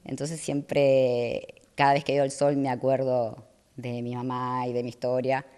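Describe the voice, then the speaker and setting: A middle-aged woman, talking as a guest in a casual interview, soft-spoken and hesitant with many fillers. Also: a bass voice, level tone, a little slow, smooth. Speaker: guest athlete.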